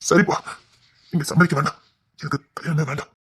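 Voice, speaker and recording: A young actor playing a stubborn, proud village son in a family drama, pleading with his parents in an earnest, insistent tone. His voice is husky and a touch high, and the words tumble out fast. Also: flat delivery, a bit bright.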